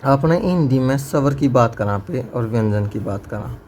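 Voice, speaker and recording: A man's voice: mid-range voice, expressive, moderate pace, warm tone. A male teacher, teaching a grammar lesson to a class and drilling his students with repeated questions. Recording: faint background noise.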